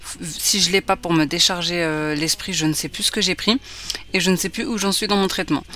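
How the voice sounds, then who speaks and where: A woman's voice: lowish voice, fairly even intonation, a little fast, bright, forceful tone. A woman in her thirties talking casually through her evening routine as a vlogger, with many hesitations and fillers. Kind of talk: casual vlog voice-over.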